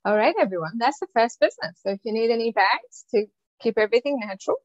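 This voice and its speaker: A woman's voice: on the high side, quick pace, no echo. A woman casually hosting an online business call in an effusive, chatty way that jumps between thoughts. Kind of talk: casual chat, informal hosting. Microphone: video call microphone. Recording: dull lo-fi call audio.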